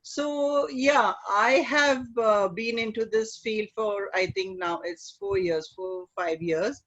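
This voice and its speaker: A middle-aged woman with an Indian accent speaks conversationally as an interview guest, in a halting way peppered with "you know". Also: medium pitch, a bit bright. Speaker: guest, image consultant. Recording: dull lo-fi online call audio.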